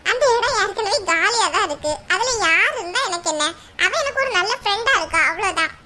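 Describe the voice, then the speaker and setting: A woman voicing a gentle older sister in a cartoon, soft and pleading. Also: very high-pitched, expressive, fairly quick, background noise. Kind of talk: cartoon voice acting.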